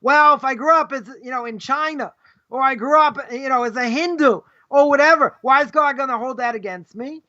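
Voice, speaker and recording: The speaker is a middle-aged rabbi teaching ethics in a rambling, conversational live Torah lesson, captured in dull lo-fi livestream sound. He talks a little fast in a very high, bright, forceful voice, tossing out rhetorical questions and adding "right?" to nearly each point.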